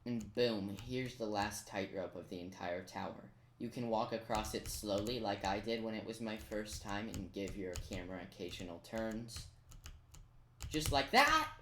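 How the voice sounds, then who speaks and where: A man walks through a game step by step in a casual tutorial, throwing in playful asides. His voice sits on the low side, sharp in tone, lively in intonation and at a moderate pace. Keyboard typing and clicks run under a noisy, roomy-echo recording.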